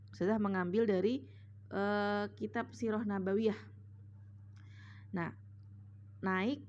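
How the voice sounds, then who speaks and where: A woman religious teacher telling a story as a lesson, patiently, step by step. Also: mid-range voice. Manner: patient, retelling step by step with "nah" and "sama". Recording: dull lo-fi recording with faint hum.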